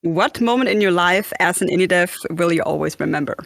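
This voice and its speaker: A woman hosting a podcast, upbeat and quick to laugh, asking questions and narrating segments. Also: on the low side, creaky. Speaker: podcast host. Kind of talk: interviewing and scripted narration.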